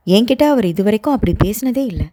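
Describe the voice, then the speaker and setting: Anxious young woman in love, hesitant and pleading, for an audio novel, read by a woman narrator; lively, mellow tone. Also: on the high side, fast.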